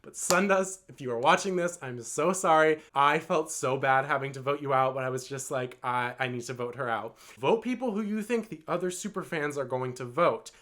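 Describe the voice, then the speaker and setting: Here another storytime vlog runs long as a man rambles earnestly, peppering it with plenty of "like" and "um." His voice sits on the high side and is fairly bright, moving at a moderate pace with few pauses.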